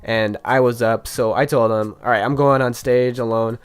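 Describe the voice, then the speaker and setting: With soft music in the background, a young YouTuber recounts his school days in a joking, chatty storytime, stumbling slightly now and then. His medium-pitched voice is smooth and fairly even in intonation at a moderate pace, though illness leaves it nasal and stuffy.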